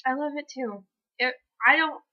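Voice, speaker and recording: A woman's voice: high-pitched, normal speed, highs cut off. A woman co-hosting a horror movie show, chatting through a film review as a horror host.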